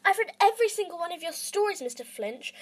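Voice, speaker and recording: A woman's voice: very high voice, lively intonation, normal speed, voice pushed up. A woman voicing a spirited, indignant young girl in a storybook reading, speaking in an impassioned, protesting way.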